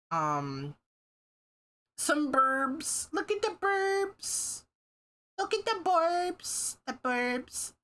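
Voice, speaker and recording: A woman's voice: low-pitched, bright, forceful tone. A woman livestreamer chatting casually with her viewers, swearing freely and laughing often. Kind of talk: casual stream chat.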